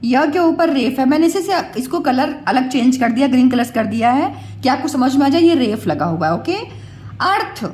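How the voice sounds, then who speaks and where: In an echoey room, a woman teaches children Hindi spelling, going slowly, repeating words, and asking the class questions. Her voice sits high and sounds animated with a darkish tone, and a little hiss or hum is audible.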